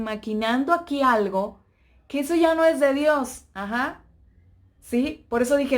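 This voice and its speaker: A woman giving an informal devotional talk to a youth group, lively and playful, acting out little voices as she goes. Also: a little high.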